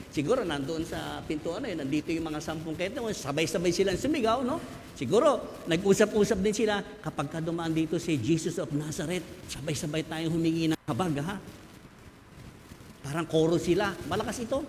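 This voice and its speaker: A man's voice: high voice, slight background noise. A man with a Filipino accent preaching a sermon, explaining scripture in mixed English and Tagalog with rhetorical questions. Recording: long hall reverb, faint ambience.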